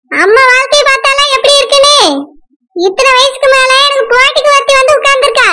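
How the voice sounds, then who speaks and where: A woman voicing a scheming, sharp-tongued middle-aged village mother in a cartoon, with a Tirunelveli Tamil accent and a scolding manner. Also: extremely high pitch. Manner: scolding, nagging. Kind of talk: cartoon voice acting.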